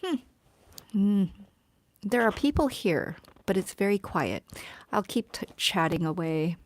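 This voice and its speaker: A woman chatting casually on her live stream, tired and rambling, often dropping to a soft whisper as she talks to viewers. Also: mid-range voice, lively intonation, slow pace, no room sound.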